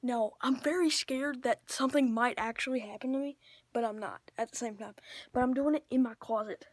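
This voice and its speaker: A young woman vlogging casually at night, nervous and hushed, breaking into whispers, with guitar music behind her. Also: a little high, a little fast, dry recording. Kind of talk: casual night challenge vlog.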